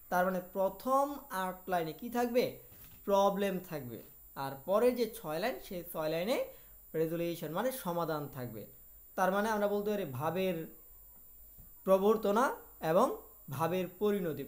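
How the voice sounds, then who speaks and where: A woman's voice: lowish voice, a little mellow. Woman teaching a literature lesson. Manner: explains each point in Bengali after reading it in English; asks rhetorical questions and answers them herself. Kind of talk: video lecture.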